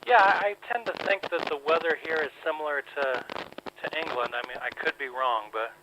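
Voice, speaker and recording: A man, a musician guest, speaking hesitantly with many fillers over a phone line into a radio interview. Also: moderate pace. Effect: heard over a phone line. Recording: noisy low-quality phone line.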